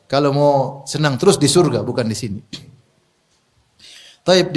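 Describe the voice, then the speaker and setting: A man preaching a sermon in a lively, joking way, asking the audience questions and laughing at his own remarks. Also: medium pitch. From Indonesia.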